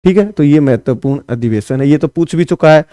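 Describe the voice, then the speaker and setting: A man's voice: fairly high pitch, brisk, warm tone, no room sound. A man teaching an exam-prep lesson, firing off quiz questions and answering them himself, repeating each answer with a tag question. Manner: casual, scolds sloppy notes.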